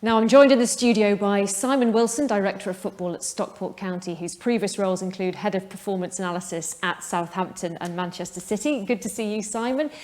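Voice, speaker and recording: A woman's voice: medium pitch, a little fast, few pauses, darkish tone, long reverb tail. Polished female TV presenter. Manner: polished, clearly enunciated, emphatic. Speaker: TV presenter, host. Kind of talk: scripted presenting.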